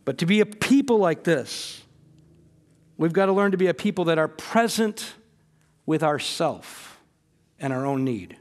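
A man with a fairly high voice preaches a sermon from the pulpit. He moves from quiet, earnest passages to emphatic, repeated lines, with casual asides dropped in. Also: big-room sound. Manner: conversational asides with light humor. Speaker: pastor.

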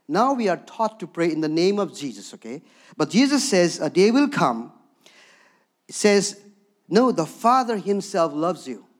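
With a Himalayan accent and a higher voice, a preacher from Darjeeling, India, of Bhutanese background, shares personal stories within his sermon. He talks in a conversational way. Again and again he checks in with his listeners by saying "okay?".

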